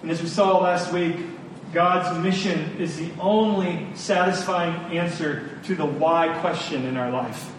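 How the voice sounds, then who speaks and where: At a measured pace, a man preaches emphatically and informally to a congregation, leaning on repeated phrases and casual asides. Recorded in a large room, the audio is echoey, distant-miked and carries a faint rumble.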